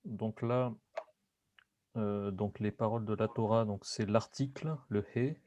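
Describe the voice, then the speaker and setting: Guy student guessing his answers, slow and unsure, lowish voice. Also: fairly even intonation, darkish tone. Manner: hesitant, tentative answers. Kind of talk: answering in class.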